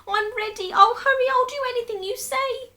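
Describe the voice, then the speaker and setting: A woman's voice: extremely high pitch, normal speed, sharp tone, pitched above the performer's own voice. A woman voicing a frightened, gullible old wife from a children's storybook, crying out and gasping. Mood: desperate.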